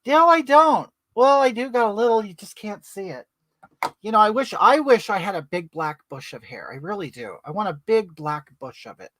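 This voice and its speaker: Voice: mid-range voice, very animated, normal speed, a bit bright, dry recording. A performer playing a brash older woman who chats through a makeup livestream and greets viewers by name. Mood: chatty. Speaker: livestream host. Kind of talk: comedic livestream character.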